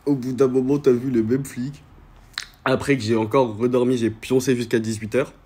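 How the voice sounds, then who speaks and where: A young man, an influencer, telling a personal story to his followers in a casual, slangy way, swinging between loud outbursts and low mutters. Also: little pitch movement, normal speed, husky.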